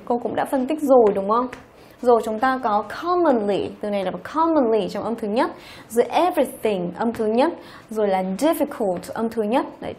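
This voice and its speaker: Brief: female teacher, somewhat high voice, patient step-by-step explainer who keeps checking in. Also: darkish tone. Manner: explains step by step, often checks with "ok?" and "đúng không?". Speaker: English teacher. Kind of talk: online exam-review lesson.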